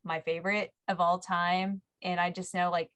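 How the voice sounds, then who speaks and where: A woman guest in a casual roundtable chat, lively, acting out little quotes as she talks. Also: on the low side, normal speed, no echo. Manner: lively, acts out quotes and laughs. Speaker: podcast guest.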